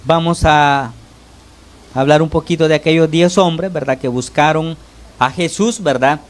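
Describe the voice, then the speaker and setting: Preaching to his congregation, a Salvadoran lay preacher frequently pauses to address the brothers with "¿verdad?" His voice rises and falls dramatically between phrases, with wide shifts in both pitch and volume.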